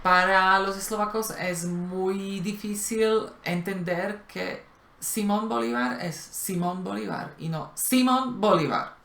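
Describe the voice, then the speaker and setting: A woman's voice: medium pitch, slow, gravelly. A woman co-hosting a language lesson, chatting casually and giving spoken examples. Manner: animated, gives spoken examples. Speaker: co-host of a language channel. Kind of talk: explanatory casual conversation. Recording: roomy echo.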